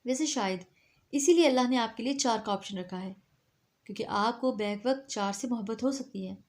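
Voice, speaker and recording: A woman's voice: fairly high pitch, close to an everyday voice. A woman voicing a cold, detached young wife in a storybook reading. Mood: wry. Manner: flat and detached. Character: cold, aloof young wife, flat and mocking.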